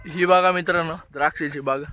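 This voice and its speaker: A man's voice: on the high side, steady tone, fast, loud music behind the voice. A young man from Maharashtra chatting to his viewers as friends while filming a casual village vlog outdoors. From Maharashtra, India. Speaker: vlogger. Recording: outdoor phone recording with loud background noise.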